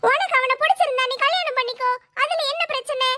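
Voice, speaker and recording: A woman's voice: extremely high pitch, fast talker, bright, forceful tone. A woman voicing a bold, bossy older sister who scolds and reassures in a brash way.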